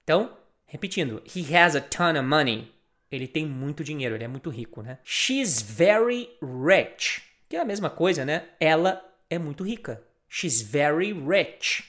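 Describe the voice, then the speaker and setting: Male teacher drilling phrases slowly. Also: fairly high pitch, animated, fairly bright tone. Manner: repeats example phrases slowly and deliberately. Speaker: language teacher. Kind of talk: video lesson.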